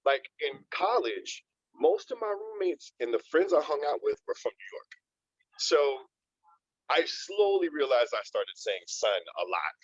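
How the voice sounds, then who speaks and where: A man speaking as a panel guest in casual discussion, relaxed and often repeating words as he thinks. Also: fairly high pitch, unhurried, breathy edge, dry recording, highs cut off.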